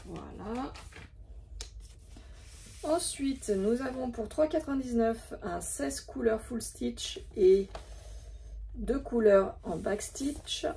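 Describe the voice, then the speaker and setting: A woman vlogger with a mid-range, dark, slightly rough voice shows off her craft supplies. She chats casually and hesitantly, using lots of filler words.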